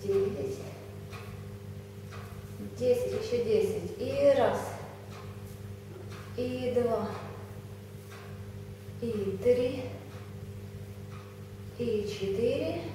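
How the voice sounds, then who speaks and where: Slow-paced woman instructor in echoey room. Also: on the high side, dark tone. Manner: measured, short commands while exercising. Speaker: fitness instructor. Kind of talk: exercise instruction with counting. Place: small indoor exercise studio. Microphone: camera a few metres away. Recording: echoey room, distant mic, clear noise.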